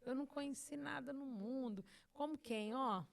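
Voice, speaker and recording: A woman's voice: sits high, moderate pace, vocal fry. A middle-aged woman host sharing an emotional personal testimony, earnest and repeating phrases for emphasis. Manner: acts out her own past words to God.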